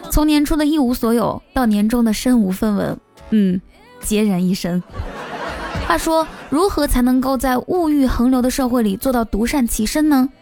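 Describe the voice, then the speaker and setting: Playful woman joking over soft music. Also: on the high side, animated, moderate pace. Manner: playful, teasing jokes. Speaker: host. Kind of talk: comic monologue.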